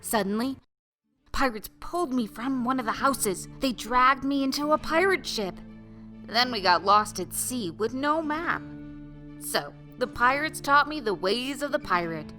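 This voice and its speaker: Woman telling a kids story, cheery, a bit high, music behind. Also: animated, unhurried, pushed and bright. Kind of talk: narrating a children's story.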